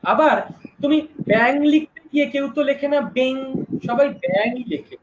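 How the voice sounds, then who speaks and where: High-voiced male teacher on a lo-fi stream. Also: moderate pace. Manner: lively, chatty explaining with questions to students. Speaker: online exam-prep teacher. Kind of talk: live online class. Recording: dull lo-fi stream with noise.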